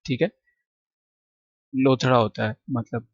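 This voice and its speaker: A man teaching English vocabulary, reading synonyms in quick runs and checking in with short asides. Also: medium pitch, fairly even intonation, dry recording, lo-fi sound. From Pakistan. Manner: reads word lists in quick runs, adds short checks like "theek hai". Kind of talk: vocabulary lesson explaining words line by line.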